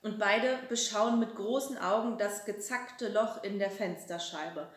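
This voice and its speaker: A woman reading a children's story aloud, telling it in a calm, expressive way. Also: mid-range voice, measured pace. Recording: roomy echo.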